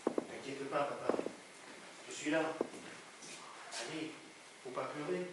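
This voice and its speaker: A man's voice: on the high side, slow. A man acting a touchy, stammering son who has just lost his father, on stage in a live play, with a southern French accent. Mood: grieving. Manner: stammers and flares up in indignant bursts. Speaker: stage actor. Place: theatre stage. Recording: echoey theatre, distant mic, audience noise.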